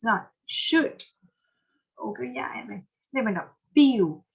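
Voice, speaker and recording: A woman teaching English pronunciation with a Vietnamese accent, patiently drilling words and repeating them slowly. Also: a little high, expressive, gravelly, a little mellow, husky, dull audio. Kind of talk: online pronunciation lesson.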